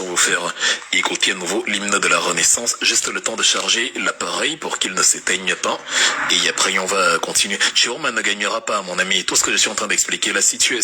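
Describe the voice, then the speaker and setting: A man with a light Cameroonian accent holds forth on a livestream, hammering his points with repetition and stuttered restarts. His voice sits low but rings with a very bright, forceful edge, and there is a faint hiss of noise underneath. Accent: Cameroonian French, light. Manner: emphatic, repetitive, stammering restarts. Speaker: political commentator on a livestream. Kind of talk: impassioned political monologue reacting to viewer comments.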